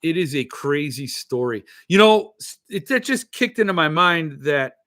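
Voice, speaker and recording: A man's voice: on the high side, very animated, normal speed, fairly bright tone. A man chatting casually about his interests as a show host, with a lisp that makes his s sounds slushy, thinking aloud hesitantly and drifting into asides. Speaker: host of a book-collecting show. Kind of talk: casual rambling chat.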